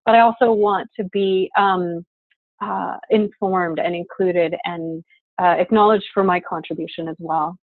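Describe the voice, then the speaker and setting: Her fairly low voice stays fairly even and unhurried as she leads an online class call, sincere but peppered with um and uh. The call audio is dry and phone-like, without echo.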